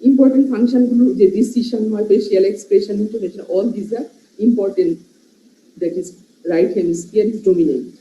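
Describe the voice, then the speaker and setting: Female medical lecturer with a Bangladeshi accent; slow, deliberate list-style delivery, muffled echoey classroom sound. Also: medium pitch, fairly even intonation, dark tone, slight background noise. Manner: explains by listing terms and checking in with "right?". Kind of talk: classroom lecture mixing Bengali and English.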